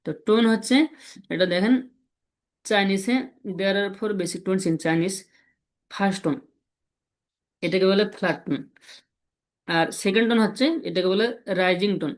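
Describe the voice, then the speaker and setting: Patient man teaching a lesson. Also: high-pitched. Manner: patient, repeats example syllables slowly. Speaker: language teacher. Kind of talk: explanatory lesson.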